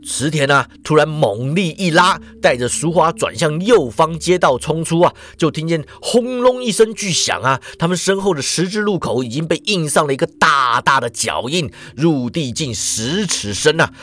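A man with a fairly high voice narrates a comic story in a lively way. He stretches out the particles at the ends of his sentences. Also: moderate pace, hardly any pauses.

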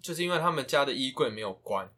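A man's voice: medium pitch, animated, rapid-fire, pushed and bright, husky. A young man co-hosting a casual podcast, telling funny pet stories with lots of laughter and imitated bird chirps and squawks. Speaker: podcast co-host. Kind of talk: casual chat.

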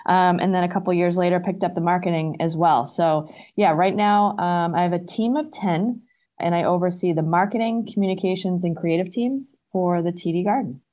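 A woman's voice: on the low side, normal speed, mellow. Chatty middle-aged woman with a Boston accent. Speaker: interview guest, arena marketing director. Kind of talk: casual, chatty interview talk.

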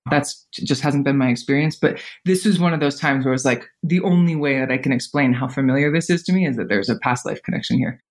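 A woman in her thirties with a bass voice talks at a quick pace with few pauses. She's a podcast guest casually sharing personal stories in an interview, full of fillers and laughter.

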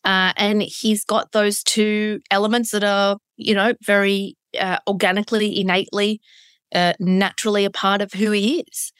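A woman's voice: medium pitch, flat delivery, normal speed, a bit bright, clean tone, no room sound, clean studio sound. A woman in her thirties with a broad Australian accent, speaking candidly and emphatically as an interview guest, reflective and conversational. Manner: candid, emphatic, piles up synonyms.

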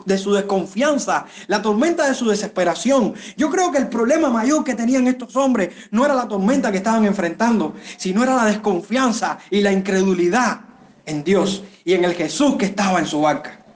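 A pastor preaching a sermon, speaking straight to his listeners and swinging his voice up and down for emphasis. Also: moderate pace. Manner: expressive preaching, pitch rising and falling for emphasis; addresses listeners directly.

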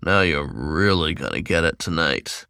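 Man playing a cocky tiger, lower, purring, slow teasing, dry voice. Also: expressive, gravelly, pushed and bright, smooth, dry recording, exaggerated voice. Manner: low, slow, teasing purr. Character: teasing, confident male tiger.

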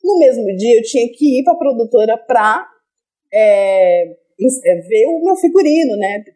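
Animated high-voiced woman telling a story. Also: unhurried. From Brazil. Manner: animated, laughing, acts out quoted lines. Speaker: guest actress. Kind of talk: casual podcast chat, storytelling.

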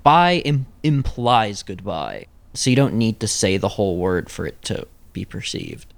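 Low-voiced hesitant male guest. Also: sing-song, measured pace, gravelly, no room sound. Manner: hesitant, lots of "like" fillers. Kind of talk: casual chat.

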